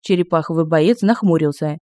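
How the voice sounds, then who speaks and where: A man narrating an audiobook in a lively, expressive reading. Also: a little high, a little fast, no echo, studio quality.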